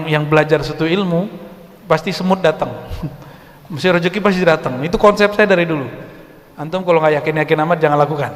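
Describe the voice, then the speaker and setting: Middle-aged male preacher, high voice, chatty study-circle sermon, long hall reverb. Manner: conversational, addresses the audience directly, recites Arabic verses.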